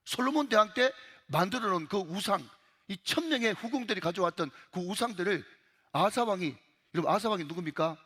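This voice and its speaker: A man's voice: high voice, expressive, brisk, bright, forceful tone, big-room sound. A male pastor with a Gyeongsang accent preaching an emphatic sermon in a church, repeatedly calling out to the congregation. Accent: Gyeongsang Korean. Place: church sanctuary.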